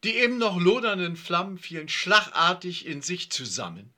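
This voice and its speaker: A man reading a children's story aloud with expressive narration. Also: high voice, moderate pace.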